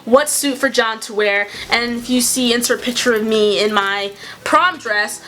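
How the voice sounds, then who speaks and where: A young woman chatting casually, telling a storytime tale with quick asides and frequent laughs. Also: fairly high pitch, sharp tone. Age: young adult. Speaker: YouTuber.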